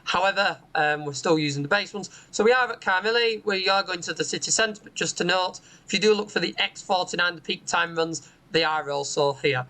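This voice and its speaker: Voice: medium pitch, brisk, few pauses, bright, forceful tone, low-quality recording. A bus simulator channel host giving casual gameplay commentary from home, chatty and explanatory, with frequent "um" fillers. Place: home room with a window onto a street.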